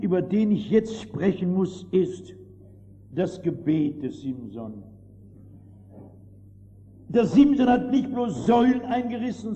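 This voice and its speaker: An older man preaching a sermon with emphasis, dropping to quiet asides and rising to loud exclamations, often turning to his listeners with rhetorical questions. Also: a little high. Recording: dull old recording with long reverb and faint hiss.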